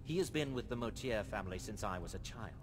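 An actor voicing an anxious, fussy noble gentleman in a video game, prim and hurried. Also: fairly low pitch, animated, background noise, close to an everyday voice. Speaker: game character.

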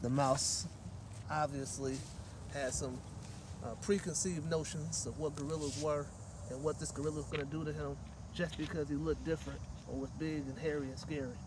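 At a park table outside, a middle-aged man reads a children's picture book aloud as a guest story reader, keeping a steady tone and a moderate pace. His pitch is fairly high. The recording has a distant mic and light outdoor noise.

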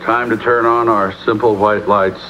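A man's voice: on the low side, flat delivery, normal speed, very noisy. An actor playing a folksy man leading a holiday lighting, heard on a worn tape copy. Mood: genial. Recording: dull worn videotape copy.

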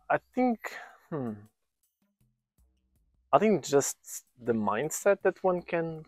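A man's voice: medium pitch, a little mellow, dry recording. Hesitant man on a dry lapel mic. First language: Portuguese. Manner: hesitant, searching for words with many restarts. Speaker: volunteer builder. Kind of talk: casual on-site interview. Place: outdoor building site in the countryside.

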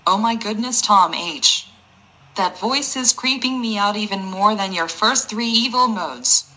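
A woman's voice: mid-range voice, a little slow, bright, forceful tone, rough recording. A synthetic female voice playing a defiant computer user who mocks the error. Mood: mocking. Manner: mocking, defiant.

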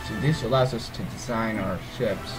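A man whose groggy voice sits on the low side speaks at normal speed over music. In a casual let's play, he navigates a strategy game's menus. His commentary is rambling and unsure, full of ums and self-corrections.

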